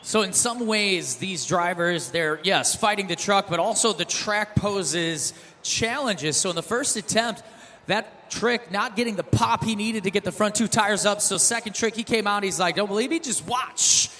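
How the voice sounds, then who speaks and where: A man's voice: sits high, sharp tone. A man working as a hype event announcer and commentator, one of a duelling pair, calling motorsport in an arena and stretching out names and scores. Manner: hyped announcer trading calls with a co-announcer, drawn-out name and score calls.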